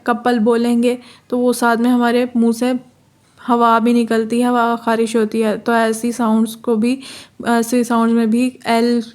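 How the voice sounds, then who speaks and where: A woman's voice: a little high, darkish tone. A woman with a Pakistani accent teaching a phonetics lesson, repeating key terms, giving examples and correcting herself as she goes. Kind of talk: lecture in Hindi-Urdu, explaining English phonetics.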